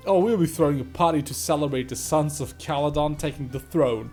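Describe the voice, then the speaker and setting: A man's voice: a little high, fairly quick, mellow, faint music behind, lightly acted. A man voicing a cheerful, bubbly young female biker in a game, with a nasal voice. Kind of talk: reading game dialogue aloud.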